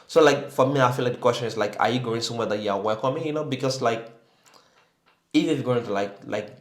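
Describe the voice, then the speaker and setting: A man's voice: lowish voice, reverberant. A young man from Sierra Leone chatting casually as a YouTube reactor, rambling and leaning on "like" and "you know".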